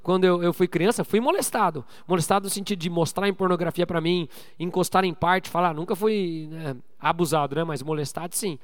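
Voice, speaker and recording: A man preaching a sermon as pastor, calling on the congregation for amens and swinging between loud exhortation and quiet asides. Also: high-pitched, fairly quick, few pauses, big-room sound. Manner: preaching with call-and-response to the congregation.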